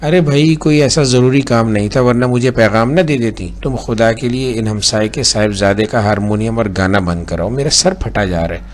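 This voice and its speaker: A man's voice: mid-range voice, moderate pace, few pauses, lightly acted. A man voicing a sick, irritable husband in bed who complains about the noise. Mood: peevish. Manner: weary, peevish complaining.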